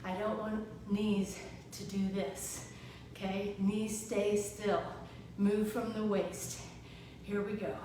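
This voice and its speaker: A woman's voice: mid-range voice, flat delivery, takes it slowly, mellow. A woman leading a workout as an aerobics instructor, giving short, encouraging exercise cues. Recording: echoey room, distant mic, background noise.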